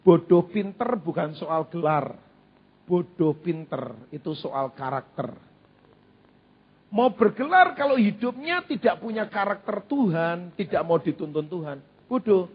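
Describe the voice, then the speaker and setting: A man preaching a sermon in an animated, humorous way, with repeated phrases. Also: high voice, a little slow, husky. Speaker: pastor. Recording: dull lo-fi church recording.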